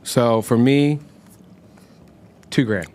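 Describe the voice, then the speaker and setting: An easygoing man chatting as a podcast guest in a medium-pitched voice. He talks casually, in short, punchy phrases. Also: very slow, darkish tone, clean tone. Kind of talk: casual chat.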